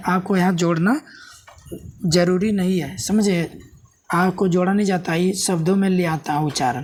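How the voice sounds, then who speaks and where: A man's voice: sits high, darkish tone, slightly rough. A man teaches a Sanskrit grammar lesson step by step. He keeps asking the viewer questions and checking "है ना?". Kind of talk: classroom-style video lesson.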